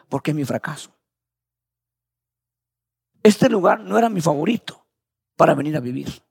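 A man's voice: on the high side, gravelly, darkish tone, breathy edge, dry recording, studio quality. A man preaching as a pastor, telling his story in a conversational way and often calling his listeners brother. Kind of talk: testimony sermon.

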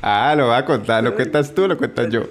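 This young Colombian co-host talks a little fast at medium pitch. In a laid-back podcast chat he shares stories, laughs often and performs the quotes, all in a Colombian Spanish accent.

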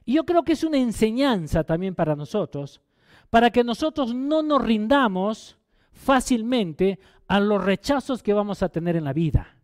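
A man's voice: sits high, expressive, moderate pace, no echo, clean studio sound. A male pastor preaching a sermon, asking the congregation questions and repeating phrases for emphasis.

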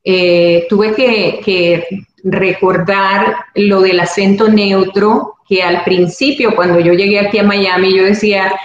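A Venezuelan actress and producer with a Venezuelan Spanish accent gives thoughtful, earnest interview answers. She speaks slowly in a medium pitch with fairly even intonation. The recording is muffled, with a very echoey room and faint background noise.

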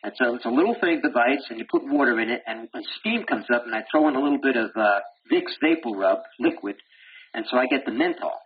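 A man giving a medical lecture who quizzes his class and answers himself, with blunt, wry humor. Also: mid-range voice. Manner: animated, asks the class questions and answers them himself. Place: lecture room. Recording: dull lo-fi lecture recording with faint hiss.

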